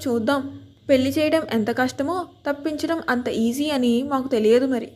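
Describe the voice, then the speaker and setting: A woman reading a story aloud in the first person, lively and expressive. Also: sits high.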